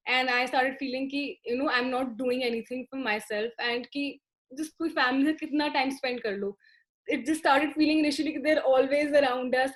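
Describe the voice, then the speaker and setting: A woman's voice: high voice, poor audio. A young woman moderating a panel in a conversational, reflective way. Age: young adult. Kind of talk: casual panel discussion.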